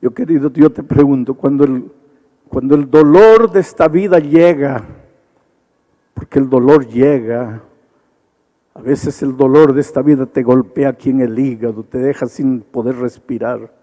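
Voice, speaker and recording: A man pastor preaching an evangelistic sermon, who swings between soaring, high appeals and hushed, intimate storytelling.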